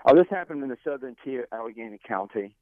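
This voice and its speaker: A middle-aged or older man phoning a radio show, speaking earnestly and haltingly. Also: medium pitch, lively intonation, no room sound. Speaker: radio phone-in caller. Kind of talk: unscripted call-in comment. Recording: narrow, tinny phone line.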